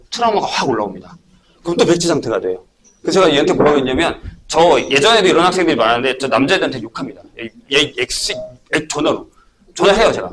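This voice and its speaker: A middle-aged man, a math academy teacher, giving an information session talk to parents and telling stories in an animated way. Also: on the high side. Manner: animated storytelling, acting out students and himself.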